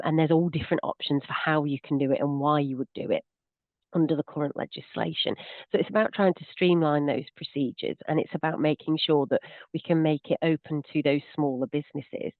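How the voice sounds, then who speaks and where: She's a solicitor fielding webinar questions on a video call while nursing a slight cold, chatting through a legal topic, poking fun at herself and restarting many times. Her voice is low, and the call audio sounds dry and tinny, without echo.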